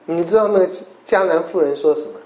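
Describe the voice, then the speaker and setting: A man delivers a sermon in a slightly high, warm, mellow voice. He acts out the quoted characters in the stories, jumping sharply up and down in pitch. The room around him is echoey. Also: fast. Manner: acts out biblical quotes with sudden pitch jumps. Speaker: preacher.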